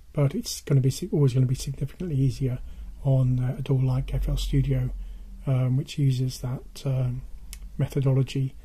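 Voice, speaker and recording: Older man, husky voice giving out. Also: mid-range voice, warm tone. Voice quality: husky, dull and worn. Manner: halting, repeats points for emphasis. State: losing his voice, hoarse and giving out. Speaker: presenter of a music tech video. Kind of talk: casual product-advice talk.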